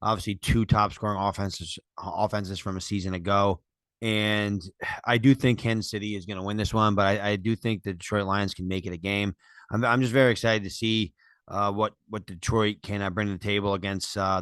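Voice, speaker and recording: A man co-hosting a casual sports talk, giving earnest, measured fantasy football analysis with many fillers. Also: on the low side, fairly bright tone, smooth, dry recording, studio quality. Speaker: podcast co-host.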